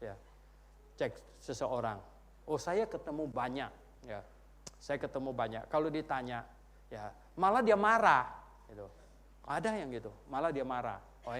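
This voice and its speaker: A man preaching in a lively, storytelling way, chuckling often and acting out the dialogues he recounts. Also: mid-range voice. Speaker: pastor and teacher. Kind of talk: storytelling sermon.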